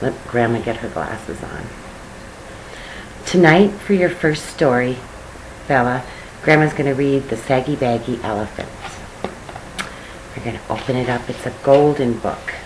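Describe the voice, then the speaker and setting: A woman's voice: extremely low pitch, measured pace, long pauses, background noise. An older woman, a grandmother, reading a picture book aloud to a child expressively, with chatty asides.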